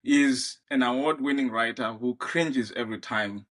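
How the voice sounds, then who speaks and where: A man's voice: mid-range voice, moderate pace, fairly bright tone. A man hosting an interview podcast, talking in a casual, friendly way with lots of hesitation and restarts. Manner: hesitant, many fillers and restarts, friendly laughs. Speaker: podcast host.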